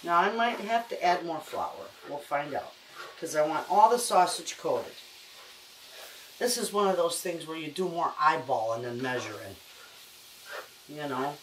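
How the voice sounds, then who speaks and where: A woman's voice: deep voice, lively intonation, unhurried, pauses often. Older lady doing a folksy kitchen cooking demo, chatty, bit far from the mic, echoey room. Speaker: home cook, cooking show host. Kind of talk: casual kitchen cooking demonstration. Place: home kitchen, indoors at the stove. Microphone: camera a few feet away. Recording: echoey kitchen, distant mic, background noise.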